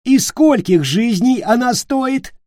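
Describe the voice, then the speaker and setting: A man voicing a horrified young man who shouts accusations and sarcasm. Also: very high-pitched, animated, takes it slowly, no room sound, clean studio sound, voice pushed up, heavily acted. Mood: accusing.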